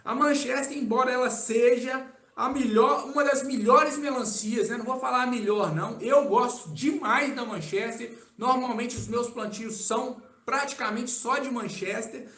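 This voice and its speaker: A man with a very high voice and a Brazilian Portuguese accent talks casually through a live Q&A. He keeps checking in with his listeners, dropping "tá?" at the ends of his sentences. The sound is roomy and echoey. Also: normal speed. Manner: casual, relaxed, keeps adding "tá?" as a tag. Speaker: agronomy consultant answering viewer questions. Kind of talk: live-stream Q&A. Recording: echoey room.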